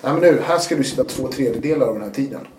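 A man, a guest telling his story in a casual interview, animated and acting out what people said. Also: medium pitch, echoey room. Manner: animated, acts out quotes with sudden loud bursts.

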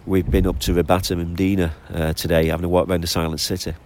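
A man's voice: low-pitched, flat delivery, fast, a little mellow. A middle-aged man with a Lancashire accent, chatting colloquially in a casual outdoor interview. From Lancashire, England. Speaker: supporters group member being interviewed. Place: outdoors by the sea. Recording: outdoor recording with clear background noise.

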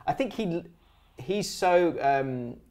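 A man's voice: a little high, lively intonation, takes it slowly, darkish tone. Man hosting a casual podcast. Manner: friendly, asks rambling questions. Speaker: podcast host. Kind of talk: casual interview chat.

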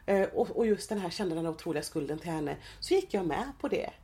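Halting soft-spoken woman in her thirties. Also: lowish voice, expressive. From Sweden. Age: 30s. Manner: hesitant, halting, many restarts. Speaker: guest. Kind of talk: personal interview.

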